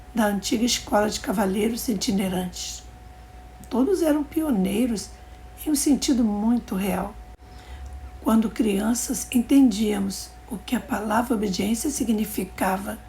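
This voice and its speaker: A woman with a dark, mellow tone and a gravelly edge reads a religious testimony aloud. Her delivery is calm and measured, and it drops into soft, hushed passages at points. A faint hiss sits under the voice. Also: medium pitch. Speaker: narrator of a religious channel.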